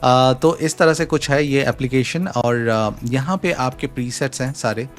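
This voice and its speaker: A man explains a microphone setup step by step in a relaxed demo tone, slipping English phrases into his talk. His voice sits at an ordinary middle pitch. He talks into a desk mic in a home room, with faint music underneath. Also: a little slow. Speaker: tech reviewer. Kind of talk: casual product demo. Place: home room with a fan running. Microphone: studio USB mic at varying distance.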